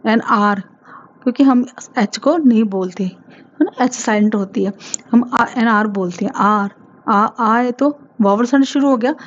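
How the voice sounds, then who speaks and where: A woman's voice: on the high side, measured pace, highs cut off. A woman with an Indian accent teaching a grammar lesson to children, patiently asking questions and repeating words. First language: Hindi.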